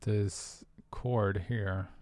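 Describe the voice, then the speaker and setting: This Swedish-accented producer has a lowish, warm voice with a steady tone, drawing out his words as he chats informally with livestream viewers. Fillers and restarts pepper his speech, captured in studio quality with no room sound.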